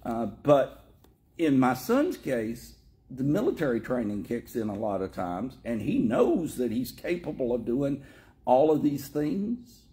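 A middle-aged pastor from Tennessee, with a Tennessee accent, chats casually about scripture in a joking, self-mocking way. His medium-pitched voice is sing-song and warm, at a measured pace.

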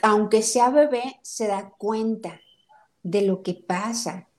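A woman's voice: mid-range voice, slow, darkish tone. Direct woman debunking parenting myths. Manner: direct, myth-busting, explanatory. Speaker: parenting and breastfeeding advisor. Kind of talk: informative conversation.

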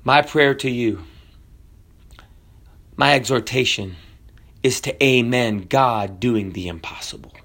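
A man born in Kenya preaching a sermon, fervent, building to near shouts and then dropping low and soft.

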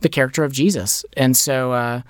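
A middle-aged man, an author, chatting as a guest on a radio show, animated and filling his talk with "like" and "you know.". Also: mid-range voice, brisk, dry recording, clean studio sound. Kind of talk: conversational radio interview. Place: radio studio.

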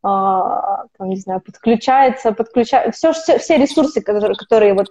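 A mellow, medium-pitched voice with lively intonation and a moderate pace comes from a woman in her twenties. The opera student is a podcast guest in a casual conversational interview, rambling and frequently restarting or self-correcting, recorded in dull lo-fi.

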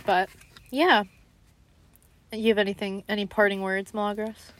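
A woman's voice: mid-range voice, fairly even intonation, normal speed, a bit bright. A young woman hosting a podcast, upbeat and chatty as she steers the conversation. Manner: upbeat, wraps things up. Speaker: podcast host. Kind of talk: casual chat.

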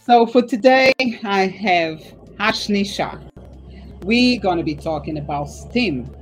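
A woman's voice: medium pitch, expressive, slow, soft background music, poor audio. A woman from Portugal hosting a casual podcast interview, effusive and chatty. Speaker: podcast host.

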